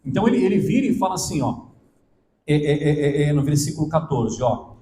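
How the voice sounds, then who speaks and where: Pastor, higher voice, animated, emphatic sermon in an echoey hall. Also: male voice, brisk, noisy background. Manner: emphatic, asks the congregation questions. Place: church hall.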